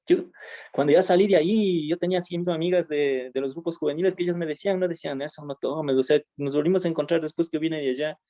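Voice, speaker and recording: A man tells his life story in an earnest, repetitive way. His voice is dark and mellow. The audio is dull and lo-fi. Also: fairly high pitch, quick pace. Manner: earnest storytelling, often repeating phrases. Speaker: interview guest. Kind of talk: personal testimony in casual conversation.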